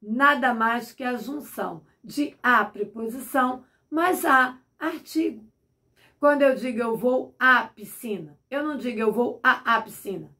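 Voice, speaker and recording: A middle-aged woman teaching a grammar lesson, who asks herself questions and answers them, repeating examples slowly. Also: fairly high pitch, sharp tone, recorded from a distance. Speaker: Portuguese teacher.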